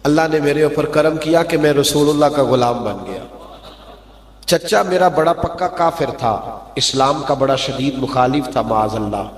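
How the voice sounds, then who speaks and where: Emotive preacher in an echoey hall. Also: male voice, on the high side. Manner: emotive, voice rising sharply when acting out dialogue. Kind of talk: sermon storytelling.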